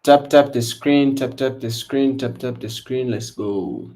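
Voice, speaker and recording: Here a Ugandan livestream trading host, young and male, talks a little slowly in a medium-pitched voice. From an indoor room with a branded backdrop, he chats casually with viewers in his Ugandan accent, relaxed and full of repeated hype calls.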